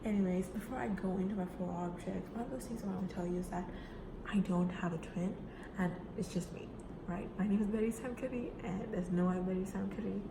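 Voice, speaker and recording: This chatty young woman is a student delivering a self-introduction speech for class, speaking fast in a medium-pitched, gravelly voice. She stays casual and leans on fillers like "right?" and "you know," recorded in an echoey room with background noise.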